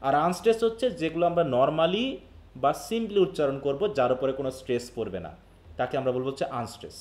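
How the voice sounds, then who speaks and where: A man's voice: medium pitch, fast talker, darkish tone. A man from Bangladesh teaching English literature in a live online class. He explains step by step, mixes English terms into his speech and keeps quizzing his students.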